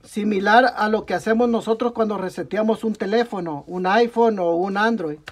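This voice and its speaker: At a normal speed and with a voice that sits high, a Mexican man with a Mexican Spanish accent walks through a repair. As a tech tutorial host at an indoor desk workbench, he explains every step while working, dropping plenty of "ok, amigos" and fixing his own slips.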